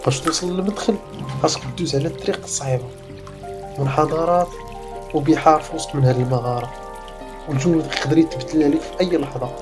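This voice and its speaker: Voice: mid-range voice, fast. A narrator with a Moroccan accent reading a scripted documentary-style voice-over for a travel vlog. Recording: music behind the voice.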